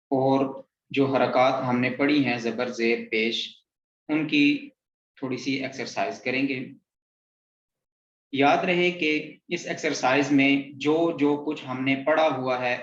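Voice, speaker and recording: A man teaching Quran reading, spelling out letters and syllables slowly and deliberately in a recorded lesson. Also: medium pitch, a bit bright. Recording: echoey, dull lo-fi room recording.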